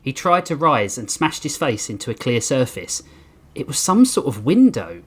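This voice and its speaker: A man reading his own crude comic story aloud for a podcast, deadpan with bursts of laughter at his own jokes. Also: medium pitch, normal speed, slightly rough.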